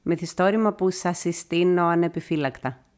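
A woman's voice: lowish voice, darkish tone. Woman host addressing listeners. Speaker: radio program host. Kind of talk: scripted outro.

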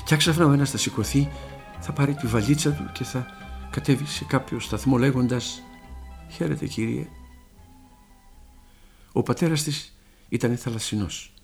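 A man giving a dramatic literary reading, hushed and brooding, voicing all the characters himself. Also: medium pitch, soft background music. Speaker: narrator.

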